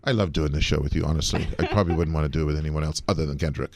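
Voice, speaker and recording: A man's voice: extremely low pitch, racing, background noise. A man with a Bahamian accent co-hosting a casual comic talk show, with a playful, laughing manner. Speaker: co-host.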